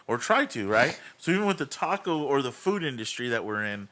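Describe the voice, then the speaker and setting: A man co-hosting a casual podcast, his voice bright and clear at a middle pitch. He is laid-back and drops slang and swear words as he talks. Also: big pitch swings, a little fast. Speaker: podcast co-host. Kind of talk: casual chat.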